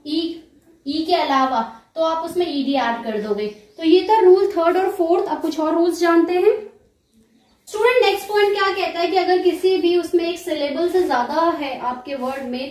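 High-voiced woman teaching grammar, echoey room. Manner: explains step by step, asks and answers her own questions. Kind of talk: recorded lecture.

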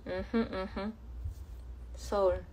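A livestream host in her thirties from Jeonju, Korea, chats casually on her phone, reading comments in a teasing, playful manner and elongating words for emphasis. She speaks slowly at medium pitch, with a flat delivery and darkish tone, and there is a little hiss or hum.

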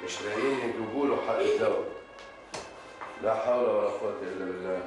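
An actor playing a sanctimonious husband who moralizes with pious sayings, in an Egyptian accent. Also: male voice, fairly low pitch, fast, natural voice. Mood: preachy. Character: self-righteous, preachy husband quoting pious sayings. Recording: echoey, distant, music behind.

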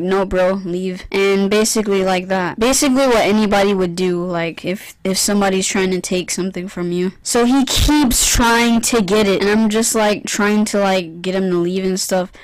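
A woman's voice: mid-range voice, no room sound, rough recording. A young woman narrating a casual storytime in conversational, slangy, youthful speech. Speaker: video creator.

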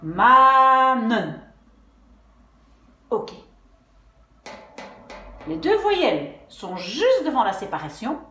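A woman teaching Dutch spelling, patiently sounding out words syllable by syllable. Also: medium pitch. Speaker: language teacher. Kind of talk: explaining Dutch spelling at a whiteboard. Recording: echoey room.

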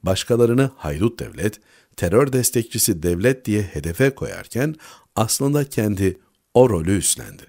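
A man reading a newspaper opinion column aloud in a measured way, letting each sentence drop low at the end. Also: lively intonation, gravelly, darkish tone.

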